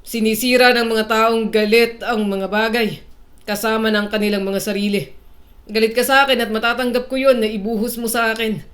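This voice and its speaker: A woman's voice: a little high, steady tone, fairly bright tone, lightly acted. Woman voicing a cold, stern rich father. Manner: cold, measured, slow. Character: stern cold wealthy father, older man.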